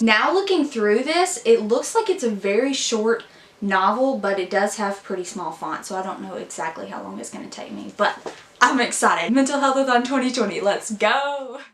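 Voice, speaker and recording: A woman talking casually to her viewers as a book vlogger, upbeat and chatty. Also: mid-range voice. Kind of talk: casual chat. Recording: roomy echo.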